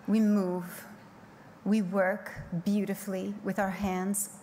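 A woman's voice: medium pitch, darkish tone, a little hiss or hum. Woman giving a poetic keynote. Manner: measured, poetic delivery with slow emphatic pauses. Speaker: keynote speaker. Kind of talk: scripted keynote speech. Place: large conference hall stage. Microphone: podium microphone.

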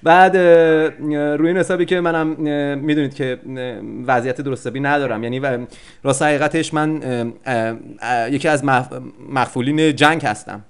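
A man with a slightly high voice plays out a comic prank call. He rambles, stumbles over his words and keeps up a mock-polite manner. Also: steady tone, clean tone. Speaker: prank caller. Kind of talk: improvised comic phone prank.

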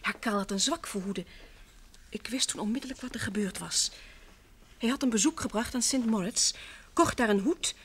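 An actress in an old-time radio drama voices an earnest, distraught wife who insists her missing husband lives, explaining herself emphatically, sometimes hesitating and repeating herself in her distress. Her fairly high voice moves at a moderate pace and sounds close to everyday speech, with slight background noise.

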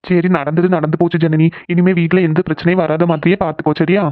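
A young cartoon boyfriend who is gentle and pleading, talking quickly in a slightly high voice, as a man voices him. The sound is narrow and phone-like, with no room echo. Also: level tone, close to an everyday voice. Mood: soothing. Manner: soothing and pleading. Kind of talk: cartoon voice acting.

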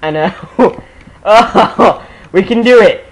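A young man chatting casually while playing a co-op game, excitable and quick to break into laughter. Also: high-pitched, low-quality recording. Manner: excitable, bursts into loud laughter and shouts. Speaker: gamer recording co-op play. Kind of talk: casual gaming chat.

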